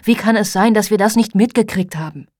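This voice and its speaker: A woman's voice: medium pitch, a little fast, a little mellow, dry recording, natural voice. A woman reading the part of a worried middle-aged mother, her voice trembling and pleading, in a dry studio audiobook recording. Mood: distraught.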